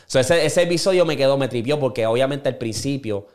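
A man, a podcast co-host, recapping a show in casual chat, full of slang and acted-out quotes. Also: brisk. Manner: animated storyteller, acts out quotes with sudden high jumps, heavy slang.

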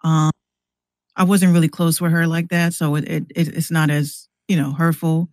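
Recorded in studio quality without any room sound, this New York City woman speaks with a low, slightly mellow voice, flat delivery and a moderate pace. She is an informal, somewhat hesitant podcast guest in casual conversation who tends to repeat words.

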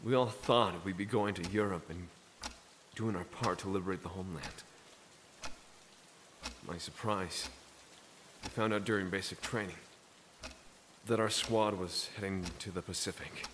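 An actor playing a weary, bitter young soldier in an audio drama, tense and curt. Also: male voice, deep voice, measured pace, pauses often, a bit bright. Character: weary, bitter young male war veteran. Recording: reverberant room with faint noise.

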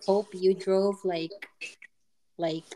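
A woman's voice: mid-range voice, little pitch movement, drawn-out words, a loud crowd. A woman co-hosting a podcast in casual chat, telling stories in a giggly, rambling way. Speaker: podcast co-host.

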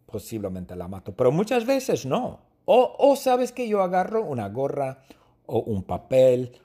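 A man giving a slow lesson, answering his own numbered questions and repeating phrases plainly. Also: medium pitch, wildly swooping pitch, mellow. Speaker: language teacher. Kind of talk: slow Spanish lesson monologue.

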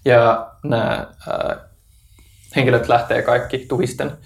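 A man's voice: mid-range voice, fairly even intonation, creaky. A man running a tabletop game as game master, narrating casually with lots of fillers. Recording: echoey room with background noise.

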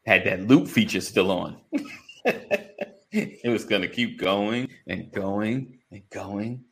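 Hosting a live online show for a men's community, this man chats with his audience in the jokey, informal style of a morning radio DJ, greeting listeners by name and using colloquial phrasing. His voice is fairly low, with lively intonation and an unhurried pace.

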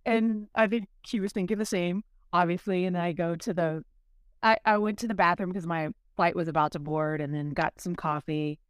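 Smooth-voiced woman telling a dating story. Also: fairly low pitch, normal speed, no room sound, clean studio sound. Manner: animated storyteller who laughs often. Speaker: podcast co-host.

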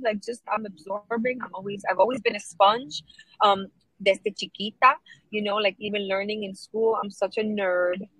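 A middle-aged woman comedian from New York, chatting in an interview, upbeat and lively, dropping Spanish phrases now and then. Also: a little high, no room sound, rough recording. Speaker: guest, comedian and producer. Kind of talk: casual interview chat.

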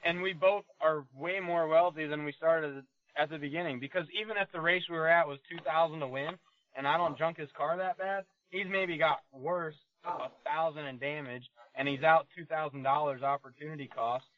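A man's voice: on the high side, steady tone, normal speed. A man, a race car driver guest, chatting casually on a podcast, rambling with lots of fillers and laughs. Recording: muffled lo-fi podcast audio.

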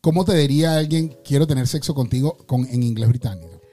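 A man's voice: medium pitch, quick pace, dark tone. A man co-hosting a podcast, trading crude jokes with plenty of teasing and laughter. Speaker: podcast co-host. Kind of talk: playful casual banter.

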